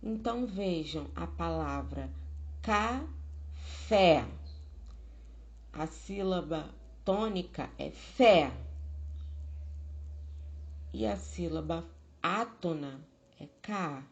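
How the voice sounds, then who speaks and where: A woman teacher with a Brazilian Portuguese accent giving a recorded distance-learning lesson, slow and careful, stressing syllables loudly. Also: lowish voice, lively intonation, creaky.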